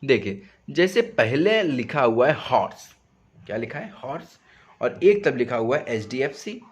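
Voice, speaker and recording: With a medium-pitched, sing-song voice, a man gives a spoken English lesson at home in a residential area. He works step by step, asks and then answers his own questions, and slowly stretches words to show how they sound.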